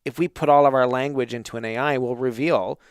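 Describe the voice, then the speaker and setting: A man's voice: mid-range voice, fairly even intonation, quick pace, clear, resonant tone, dry recording, studio quality. A man hosting a podcast, speaking in a thoughtful, reflective way. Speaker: podcast host. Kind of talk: interview and scripted intro.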